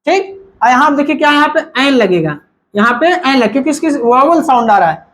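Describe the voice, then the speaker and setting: A man's voice: extremely high pitch, animated, fairly quick, fairly bright tone. A male teacher giving a whiteboard grammar lesson, asking and answering his own questions and mixing Hindi with English terms.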